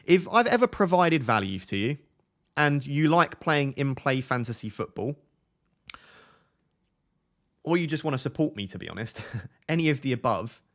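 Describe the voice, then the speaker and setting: A mid-range, sing-song voice with a fairly bright tone moves at a moderate pace broken by long pauses. The speaker, a fantasy football streamer in his twenties from Essex with a softened accent, answers chat casually and rambles through tangents and restarts.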